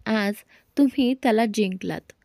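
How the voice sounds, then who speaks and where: A woman's voice: mid-range voice, moderate pace, creaky, a little mellow, dry recording, studio quality, close to an everyday voice. A woman voicing a bold, outspoken young woman who talks back sharply. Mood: defiant.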